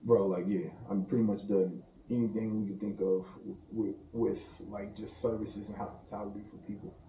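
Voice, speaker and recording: With a fairly low pitch, level tone and moderate pace, a man from St. Louis, Missouri, a private chef, trades casual, slangy stories and laughs as a podcast guest. There's background noise, and the distant mic in a roomy room picks up faint ambience.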